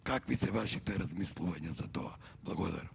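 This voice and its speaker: A man with a husky, whispery voice, an energy efficiency expert asking a formal question from a conference audience on a handheld microphone. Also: low voice, fast. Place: conference hall.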